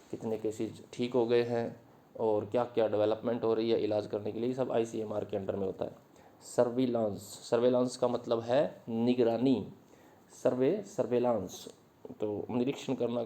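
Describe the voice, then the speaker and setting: A man gives an English vocabulary lesson in a relaxed, mellow voice at an ordinary pitch. He goes word by word and explains each one with simple meanings and everyday examples. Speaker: English teacher.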